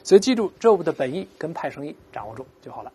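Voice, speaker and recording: A woman's voice: low-pitched, very animated, warm tone, slightly rough. A woman teaching English vocabulary, explaining words patiently and asking "right?" again and again. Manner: explains patiently, slowly models pronunciations for repeating; asks "right?" often. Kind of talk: vocabulary lesson.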